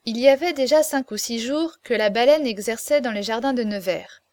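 A woman's voice: on the high side, normal speed, darkish tone, no room sound. Woman narrating a classic novel. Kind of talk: audiobook reading of a classic novel.

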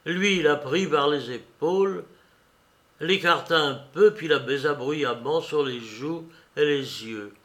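A man narrating a literary novel as an audiobook in a slow, measured reading. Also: on the high side, fairly bright tone.

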